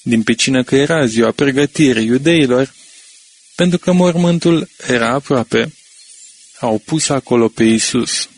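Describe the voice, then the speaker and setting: A man reading a scripture passage aloud in a steady, measured way. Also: mid-range voice.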